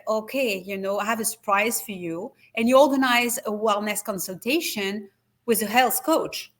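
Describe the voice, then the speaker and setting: Speaking in a mid-range, slightly bright voice, this woman with a French accent is a wellness retreat founder appearing as a guest on a casual interview over video call. She's hesitant, full of fillers and restarts.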